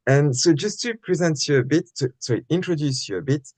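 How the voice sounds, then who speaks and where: A man's voice: a little high, a little fast, a little mellow, no echo. Polite male interview host, dry sound. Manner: polite, formal introductions. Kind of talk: live online interview.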